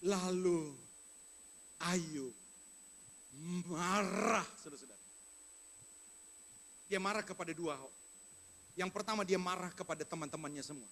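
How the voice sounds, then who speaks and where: A man's voice: high voice, measured pace, long pauses, fairly bright tone. A male pastor giving a sermon in a conversational way, speaking straight to the congregation. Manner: conversational preaching, addresses congregation directly.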